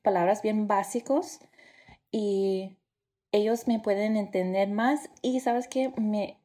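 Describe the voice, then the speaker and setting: An American woman, a native English speaker, chatting casually in halting Spanish mixed with English. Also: mid-range voice, steady tone, mellow. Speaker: dental professional. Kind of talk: casual conversation.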